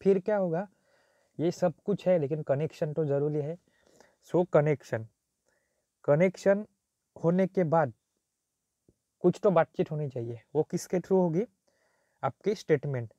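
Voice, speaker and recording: A man's voice: fairly high pitch, a little slow, pauses often, dark tone, dry recording. A man teaching a technical lecture who mixes Hindi with English terms, repeats his points, and asks and answers his own questions. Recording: dull, slightly muffled recording.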